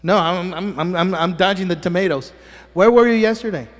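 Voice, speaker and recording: A man with a high, brisk voice preaches as pastor in a church sanctuary that sounds like a large hall. Native to Spanish, he throws in teasing asides and regularly asks his congregation "amen?"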